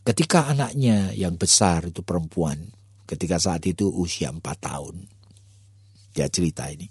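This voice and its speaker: A man's voice: deep voice, normal speed, husky, no room sound, clean studio sound. A male pastor preaching a sermon, dramatic, dropping at times to a whisper and calling listeners brothers and sisters. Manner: dramatic, swings between loud and whispered.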